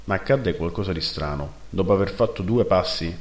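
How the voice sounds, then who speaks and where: A man narrating a first-person fantasy story in a steady, measured reading, in a roomy recording. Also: sits low. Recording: roomy echo.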